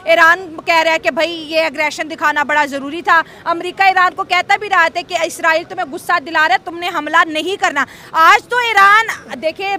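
A woman interviewing people outdoors on a street, asking brisk, probing questions. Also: very high voice, pushed and bright.

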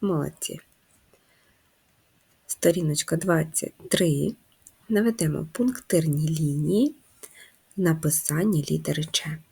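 A woman's voice: low voice, vocal fry, warm tone, husky. A woman teaching a first-grade handwriting lesson, patiently encouraging the children and guiding them step by step. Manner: slow sing-song chanting of a children's rhyme.

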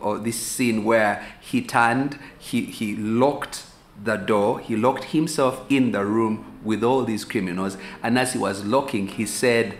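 A pastor in his forties, Ugandan-accented, sits on an indoor sofa and teaches conversationally to the camera, repeating words and gesturing as he works through his thoughts. His pitch is fairly low. The medium shot comes from a camera a few feet away, in an echoey small room with a faint hiss.

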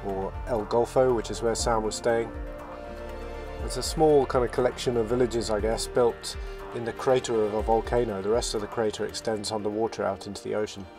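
Man, sailing vlog voice-over, reflective, lowish voice, music clearly underneath. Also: fairly quick. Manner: relaxed, reflective, with restarts. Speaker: sailing vlogger. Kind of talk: voice-over narration. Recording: voice-over with loud music behind.

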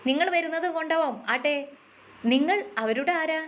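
A woman voicing a curious village girl who asks quick questions in a story reading. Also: high voice, lo-fi sound, pitched above the performer's own voice, close to an everyday voice.

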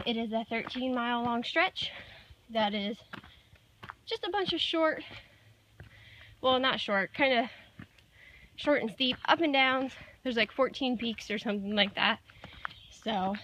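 A woman's voice: on the high side, a little slow, pauses often, fairly bright tone, slight background noise, low-quality recording. A young woman vlogging a long hike on a forest trail, talking casually to a camera held at arm's length. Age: young adult. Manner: chatty, loose with fillers like "like" and "so". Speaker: thru-hiker vlogger. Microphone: handheld camera at arm's length.

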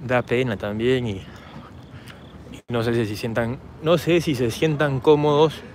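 Hoarse Peruvian man vlogging outdoors. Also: medium pitch, fairly even intonation, takes it slowly, darkish tone, slight background noise. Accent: Peruvian Spanish. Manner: chatty, rambling, talks straight to camera while walking. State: hoarse from shouting. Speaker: travel vlogger. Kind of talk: casual walking vlog. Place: city park and streets at night, outdoors. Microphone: handheld camera.

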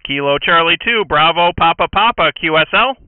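A man making a ham radio call as a park activator, repeating call signs crisply in phonetic letters, heard over the radio. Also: on the high side, expressive, normal speed. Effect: heard over shortwave radio. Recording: tinny noisy radio-band audio.

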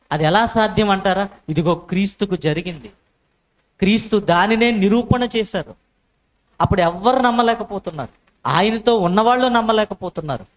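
A man's voice: high-pitched, rough recording. A male preacher delivering a sermon with emphatic repetition and rhetorical questions.

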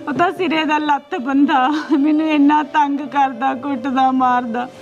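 A woman's voice: high-pitched, steady tone, unhurried, dull audio. An actress with a Punjabi accent playing a young married daughter who pleads tearfully with her father.

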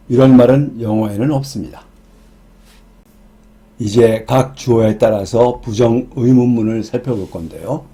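A man explaining English grammar in a scripted lesson, reading each example sentence slowly and deliberately. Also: medium pitch, mellow. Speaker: English teacher.

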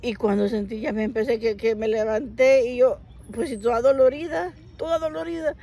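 A woman vlogger tells a story straight to her viewers in an animated, chatty way, often breaking into laughter. Her voice sits a bit high, and she talks to the listener with polite, formal address. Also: normal speed. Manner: frequent laughter while telling the story. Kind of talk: casual storytelling to camera.

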